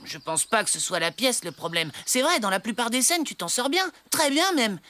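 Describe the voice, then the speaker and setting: A woman's voice: fairly high pitch, lively intonation, moderate pace, bright, forceful tone, a little hiss or hum. An actress playing a cocky, playful young boy in a cartoon, with a casual, teasing way of talking. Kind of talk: animated cartoon dub.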